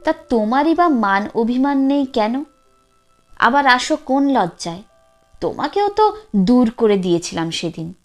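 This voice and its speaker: A woman voicing an unwell elderly mother who lashes out with sharp, scornful outbursts in a storybook reading. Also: medium pitch, expressive, slow pace, soft background music. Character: unwell elderly mother, fierce, mocking, confused.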